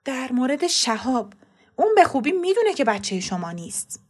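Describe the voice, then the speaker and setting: A woman reading a story aloud, voicing a male school principal who speaks in a formal, measured and apologetic way. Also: high-pitched, big pitch swings, husky, pitched above the performer's own voice, exaggerated voice.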